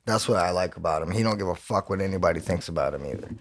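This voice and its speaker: Chill podcast host guy, real low voice, says you know a lot. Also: racing. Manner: laid-back, many fillers like "you know". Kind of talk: casual chat.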